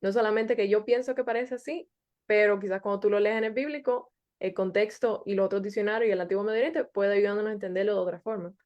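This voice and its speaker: A woman in a casual religious discussion, talking fast and sometimes searching for words. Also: mid-range voice, steady tone. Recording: dull lo-fi audio.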